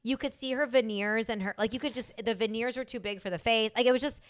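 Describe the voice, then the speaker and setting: A young woman co-hosts a pop culture podcast in casual conversation, voicing emphatic opinions and frequently restarting her sentences. She talks fast in a fairly high voice.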